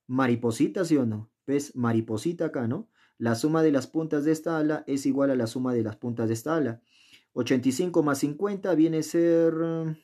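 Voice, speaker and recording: A man with a dark, mid-range voice gives a casual worked-problem lesson in geometry. He chats freely, checks in with the viewer through questions, and talks himself through each step. He's indoors at a desk, recording the worksheet from overhead.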